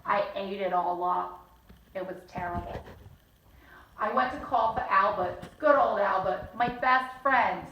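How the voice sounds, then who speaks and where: A woman with a mid-range voice reads a children's bedtime story aloud as host, speaking a little slowly, chatting between lines and acting out the characters. The recording is muffled, with a little hiss or hum, an echoey room, and a distant mic.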